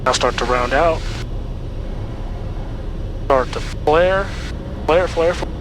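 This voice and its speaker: A man's fairly high voice comes through a pilot's cockpit headset, calm and patient as he coaches a student through a landing step by step. A steady engine drone hums loudly behind him in the small cockpit. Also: slow pace, noisy background. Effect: talking over a pilot's cockpit headset intercom. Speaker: flight instructor. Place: small airplane cockpit in flight. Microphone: aviation headset boom mic.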